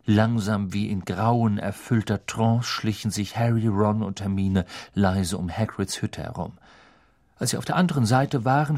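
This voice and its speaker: A man narrating a storybook audiobook in an expressive, measured way. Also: lowish voice. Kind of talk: scripted narration.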